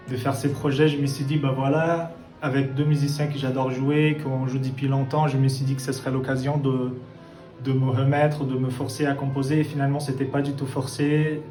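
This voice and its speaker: A man's voice: mid-range voice, level tone, normal speed, mellow. A Brazilian jazz musician, a man, answering interview questions thoughtfully, with frequent hesitations and restarts. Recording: echoey room with faint music.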